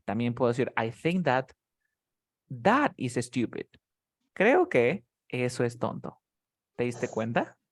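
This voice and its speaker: This man's medium-pitched voice is very animated, moving slowly with frequent pauses. He leads a live online beginner English class, repeating words patiently and asking each student by name. He sounds near the mic, dry, with no echo.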